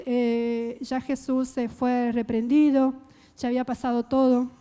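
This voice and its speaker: A woman with an Argentine Spanish accent preaching a sermon in a church, deliberate and often checking in with her listeners. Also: fairly high pitch, mellow. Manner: deliberate, checks in with frequent "¿sí?" and "amén". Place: church hall. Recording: reverberant church hall.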